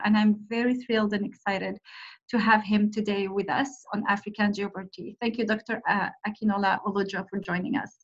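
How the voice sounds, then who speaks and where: A woman from Algeria co-hosts a podcast, speaking with eager enthusiasm and the odd filler. Her voice comes through a dull, lo-fi remote connection. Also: mid-range voice. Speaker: podcast co-host. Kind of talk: podcast introduction.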